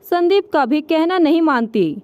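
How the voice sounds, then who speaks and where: A woman's voice: sits high, lively intonation, moderate pace, darkish tone, no room sound. A woman voicing a trusting young husband in a storybook tale, who talks in an earnest, praising way. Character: trusting young husband, proud of his wife.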